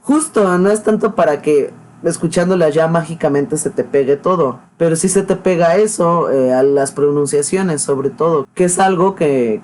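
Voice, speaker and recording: A man's voice: on the high side, darkish tone, slight background noise. Mexican guy reacting to clips, sarcastic and mocking, talks over the video. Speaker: host. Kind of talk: reaction commentary.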